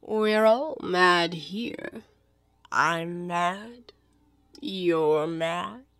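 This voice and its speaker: A woman voicing a grinning mad cat in a storybook, with slow, drawn-out, breathy, matter-of-fact delivery. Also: fairly low pitch, a bit bright, no echo, studio quality, pitched below the performer's own voice, heavily acted. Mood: smug, unhurried. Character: languid, grinning, good-natured mad cat.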